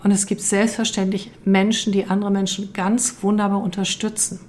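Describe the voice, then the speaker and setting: A woman giving a calm, earnest coaching talk, addressing listeners directly with a few hesitation sounds. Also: mid-range voice, moderate pace. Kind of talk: explanatory talk to camera.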